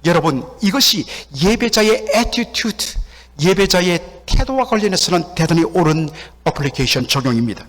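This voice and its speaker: In a church sanctuary with long hall reverb, a Korean man preaches as pastor at a normal speed, his voice sitting high. His sermon is animated storytelling in which he performs the voices of the characters he describes.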